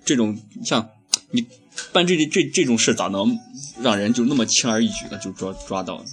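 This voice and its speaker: A man's voice: fairly low pitch, moderate pace, slightly rough, faint music behind. A young man hosting a casual comedic chat, ranting with heavy profanity and frequent laughs. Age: young adult. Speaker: host.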